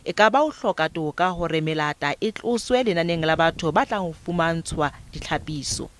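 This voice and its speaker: Casting: high-register man, Sotho accent from South Africa, narrating scripted news packages. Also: a little fast, fairly bright tone. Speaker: news reporter.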